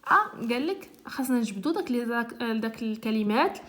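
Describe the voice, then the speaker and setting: A woman teacher with a Moroccan Arabic accent talks through a classroom lesson. Her voice sits slightly high, and she goes over each point patiently. She repeats words slowly and keeps checking that everyone has understood. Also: animated, a bit bright.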